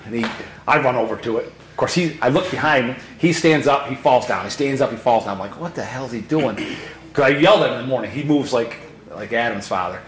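A man in his sixties telling hunting stories on a podcast, animated and acting out the voices in them. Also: medium pitch, fast. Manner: animated storyteller who acts out voices. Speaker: hunting guide guest. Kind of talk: podcast storytelling. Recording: roomy room with faint noise.

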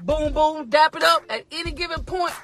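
A woman preacher, giving a motivational sermon with call-and-response, shouting and half-singing. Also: high voice, normal speed, faint music behind.

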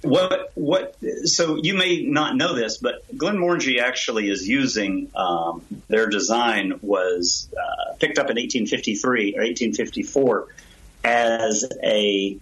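A man's voice: mid-range voice, a little slow, a bit bright, low-quality recording. A man who owns a distillery, explaining his gin process in a casual interview with an enthusiastic, storytelling manner. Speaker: distillery owner.

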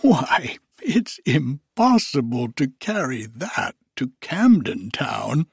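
A man voicing an elderly, formerly miserly man who is now giddy with delight, exclaiming in a high, breathless voice. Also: very animated, takes it slowly, vocal fry, slightly rough, dry recording, studio quality, heavily acted. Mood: eager.

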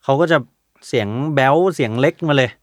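A man's voice: mid-range voice, brisk, no room sound. Brief: easygoing male guest, medium voice, dry close recording. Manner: relaxed, explains with anecdotes. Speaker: musician guest. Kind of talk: casual conversation.

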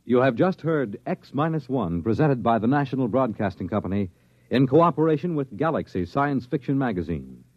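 A man's voice: medium pitch, no echo. A man announcing and narrating from a script in a formal, dramatic 1950s radio style. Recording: dull old radio broadcast with music. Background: music.

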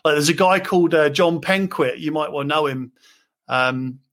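A British man with a slightly high voice, chatting as a property investor guest in an interview. He rambles cheerfully, filling gaps with ums and restarting his sentences. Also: a little fast, fairly bright tone. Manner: chatty, frequent fillers and restarts. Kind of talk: casual interview chat.

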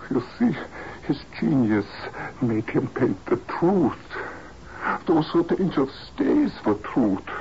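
An actor playing a frail, courtly, very old father who speaks haltingly and wistfully in a drama. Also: medium pitch, sing-song, creaky, muffled recording, a little hiss or hum, full character voice. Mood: wistful, grieving. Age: elderly. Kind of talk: screen drama acting.

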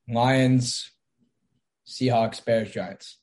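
A man's voice: medium pitch, fairly even intonation, very slow, a little mellow. A young man hosting a casual sports podcast, teasing and confident, steering it from segment to segment. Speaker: podcast host.

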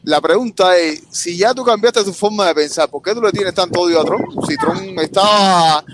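A man's voice: sits high, moderate pace, fairly bright tone, slight background noise. A man calling into a live stream, asking pointed, insistent questions. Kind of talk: casual call-in debate.

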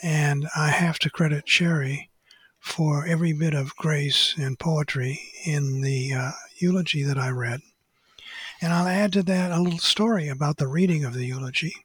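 Slow husky older man telling stories. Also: fairly high pitch, no room sound. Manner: hesitant, many "uh" pauses, quotes others in a hushed voice. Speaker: author and photographer interviewed as guest. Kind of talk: unscripted storytelling interview.

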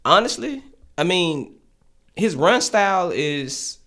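A man chatting casually about football, animated, cursing freely and laughing often. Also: high-pitched, slow pace. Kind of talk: casual sports chat.

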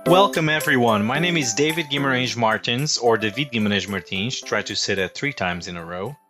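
A man's voice: medium pitch, lively intonation, a little fast, over music. A man from Portugal with a Portuguese accent, hosting a podcast interview in an upbeat, friendly way. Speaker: podcast host, chef.

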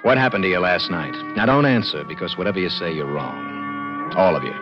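A man's voice: sits low, sing-song, fairly quick. An actor playing an intense, plain-spoken garage mechanic in his thirties, narrating a vintage radio drama in a slangy, urgent, confiding way. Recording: muffled old radio recording with music.

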